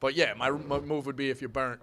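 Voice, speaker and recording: A man in his thirties hosting a sports talk show, animated and telling stories with acted-out quotes. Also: mid-range voice, fairly quick. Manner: animated, storytelling, acts out quotes. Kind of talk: casual sports radio chat.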